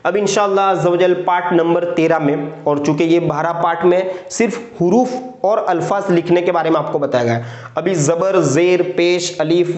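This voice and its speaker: Man teaching writing slowly, echoey room. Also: fairly high pitch, darkish tone. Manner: patient, repeats words slowly, often checks with "theek hai". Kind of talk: spoken lesson explaining letters while writing. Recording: echoey, muffled lo-fi room recording.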